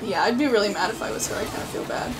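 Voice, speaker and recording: A woman reacting live to her gameplay, excitably pleading and yelling at the screen, with faint game music behind her. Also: mid-range voice, racing. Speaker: gameplay video host. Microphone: desk mic.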